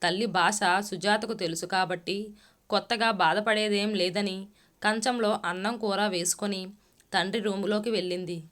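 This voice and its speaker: A woman's voice: mid-range voice, a bit bright. Woman storyteller reading a story aloud. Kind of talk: read-aloud story narration.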